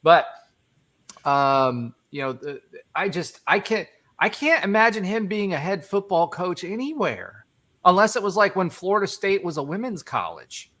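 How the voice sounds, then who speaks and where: A man hosting a casual sports podcast, talking in an animated, joking, rambling way. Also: high voice, moderate pace. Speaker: podcast host.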